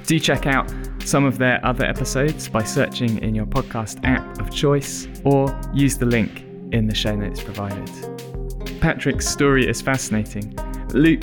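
A man reads a podcast intro in a clear, welcoming way. His pitch is mid-range and steady. Plucked guitar music plays clearly underneath. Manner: clear and welcoming, read from a script. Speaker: podcast host.

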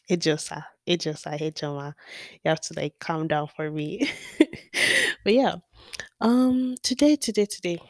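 A young woman in her twenties speaks in a notably low voice, with a dry, close sound and no room around it. She talks through her solo podcast in a frank, rambling way, often dropping to a near mutter and then rising again. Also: no room sound. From Nigeria. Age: 20s. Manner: chatty and frank, with many fillers and volume swings. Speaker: podcast host. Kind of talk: candid solo podcast monologue.

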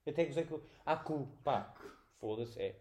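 A young man with a European Portuguese accent, telling a story in a casual podcast chat, animated, swearing often and acting out the scenes. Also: fairly high pitch, normal speed. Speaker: podcast co-host.

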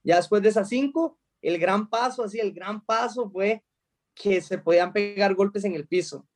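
A Costa Rican mixed martial arts fighter in his thirties gives interview answers about his life in the sport. His high-pitched voice has a darkish tone, and he speaks hesitantly, restarting sentences and filling gaps with small sounds.

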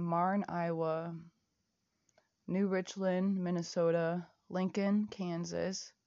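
A woman's voice: lowish voice, creaky, a little mellow, no echo, muffled recording. A woman recording a rambling casual audio diary, reading out lists of places and prices, sometimes half-whispering.

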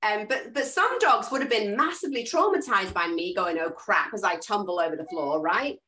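An English woman hosting a casual video call for an association of dog trainers, chatty and expressive as she tells stories. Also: medium pitch, fairly quick. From England. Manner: chatty, expressive storyteller, self-described loud and noisy. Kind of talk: casual chat.

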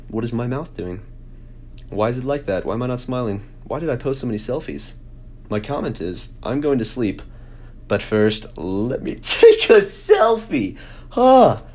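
A man's voice: fairly low pitch, a little mellow. A young man vlogging, mocking himself in sarcastic, casual commentary with exaggerated exclamations.

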